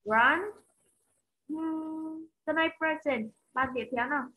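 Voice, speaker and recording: A woman's voice: high-pitched, slow, pushed and bright, rough recording. A woman with a Vietnamese accent teaching English in an online class over a video call, calling on students by name, repeating their answers and switching between English and Vietnamese.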